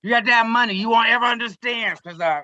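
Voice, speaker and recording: A man's voice: very high-pitched, fast, bright, forceful tone, dull audio. A man hosting a casual group chat, playful and theatrical as he teases his friends. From United States. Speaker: host.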